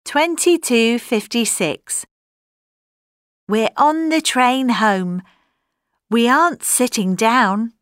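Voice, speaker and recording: A woman reading a scripted textbook passage for a language course, slow, clear and expressive. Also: on the high side, no echo, studio quality. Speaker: textbook audio reader.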